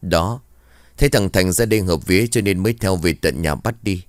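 A man voicing an older village elder who calmly consoles and lectures in a measured, authoritative way. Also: sits low, no room sound, clean studio sound, natural voice. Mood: grave.

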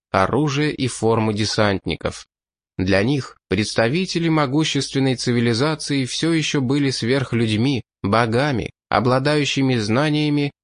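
A man narrating an audiobook in a steady, measured reading voice. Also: mid-range voice, dry recording, studio quality.

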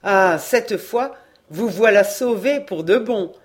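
A woman's voice: mid-range voice, normal speed, close to an everyday voice. A woman reading a novel aloud, voicing a cheerful young sailor who tells his tale eagerly. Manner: lively, cheerful, exclaiming.

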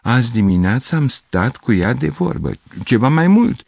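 A man voicing a bewildered aging gentleman who speaks with courteous formality that keeps tipping into agitation. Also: mid-range voice, sing-song, gravelly, dry recording, voice pushed up. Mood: puzzled. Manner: courteous, formal, increasingly flustered. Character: bewildered aging man, polite, anxious and confused.

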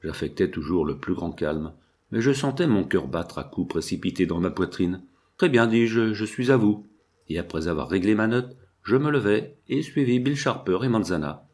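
A man reading a first-person novel aloud in a steady, measured way, lifting his tone for the quoted speech. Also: sits low. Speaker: audiobook reader. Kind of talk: scripted first-person narration.

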